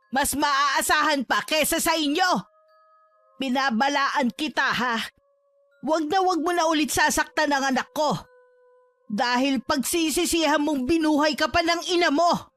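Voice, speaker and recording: A woman plays a fierce mother defending her child, scolding sharply in a raised, high voice. Faint music runs underneath the drama. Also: moderate pace, fairly bright tone, no room sound. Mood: furious. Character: fierce protective middle-aged mother. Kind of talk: audio drama acting.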